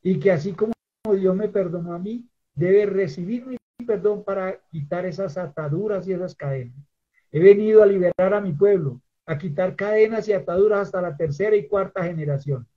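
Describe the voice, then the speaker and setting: A man's voice: high-pitched, a little fast, lo-fi sound. A Colombian man giving an earnest personal faith testimony, preaching and acting out the voices he quotes. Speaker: testimony giver.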